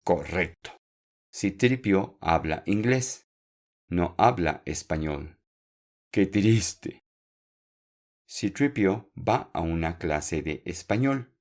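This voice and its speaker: A man teaching a podcast Spanish lesson, speaking slowly and clearly, repeating words for learners and encouraging them. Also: low voice, expressive, darkish tone.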